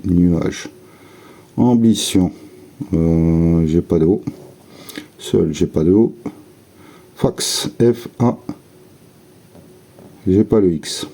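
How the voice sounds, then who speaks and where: A man's voice: low-pitched, warm tone. A man giving casual, methodical running commentary while scratching lottery tickets, murmuring letters and words to himself.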